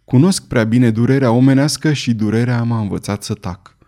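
A man voicing a dignified, sorrowful woman who speaks quietly and with restraint, in an audiobook reading. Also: medium pitch, close to an everyday voice.

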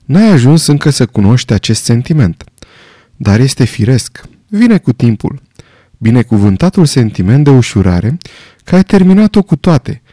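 A man reading the part of an old army general, speaking quietly, gravely and reflectively. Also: medium pitch, no echo, clean studio sound. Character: old male army general, calm, weary, haunted.

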